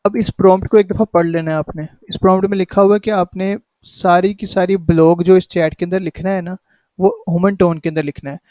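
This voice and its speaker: Male tutor, high and mellow, dry close sound, chatty walkthrough. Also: fairly even intonation, brisk, no room sound, dull audio. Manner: conversational, repeats "ठीक है" to check in. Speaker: tutorial host. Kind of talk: casual screen-recorded tutorial.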